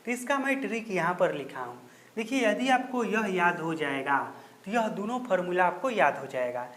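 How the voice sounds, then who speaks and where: Patient math teacher, roomy sound. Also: male voice, high-pitched, big pitch swings, moderate pace, fairly bright tone. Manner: patient, repetitive, keeps saying "look here". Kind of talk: step-by-step math lesson. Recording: roomy echo.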